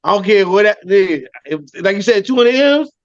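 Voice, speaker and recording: A man's voice: high-pitched, lively intonation, brisk, no echo. A man co-hosting a podcast, trading loose, slangy sports banter and laughing often. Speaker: podcast co-host. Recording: dry, dull lo-fi podcast mic.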